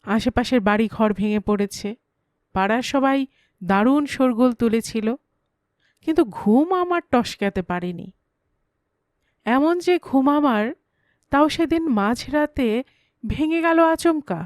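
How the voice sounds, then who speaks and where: A woman narrating a comic story in a lively, playful storytelling way, close to the mic. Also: a little high, measured pace, pauses often, dry recording.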